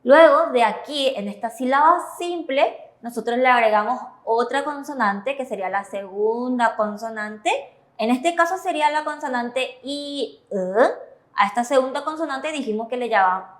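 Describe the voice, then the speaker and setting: A Spanish-speaking woman with a Paraguayan accent co-hosts a Korean lesson on TV, in a classroom-style explanation where she prompts the teacher with questions and approves the answers. Her voice is a little high and fairly bright, at a moderate pace, and it sounds reverberant.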